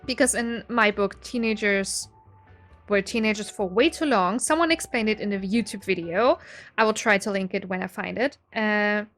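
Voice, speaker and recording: Faint music plays behind a woman in her twenties with a German accent, a gaming video creator describing her game setup. Her medium-pitched voice is a bit bright and keeps a moderate pace. She's chatty and self-deprecating, and she often breaks into a laugh.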